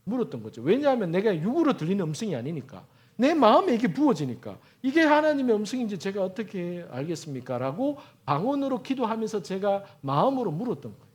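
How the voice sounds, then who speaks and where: A middle-aged male pastor preaching a sermon, telling his story and voicing prayers and inner words in a hushed, lower tone. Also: sing-song, quick pace.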